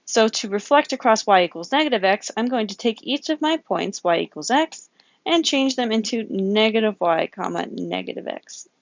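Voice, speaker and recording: A woman's voice: mid-range voice, expressive, normal speed, dry recording, lo-fi sound. A woman teaching a recorded geometry lesson, working problems aloud, counting grid squares and correcting herself as she goes. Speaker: math teacher.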